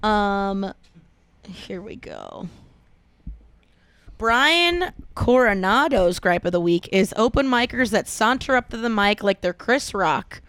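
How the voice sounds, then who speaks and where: A woman's voice: mid-range voice, expressive, slow pace, fairly bright tone, clean tone, dry recording. Sex: woman. Role: podcast host. Style: reads listener gripes, casual chat. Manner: laughs often, swears. Sound: dry and close to the mic.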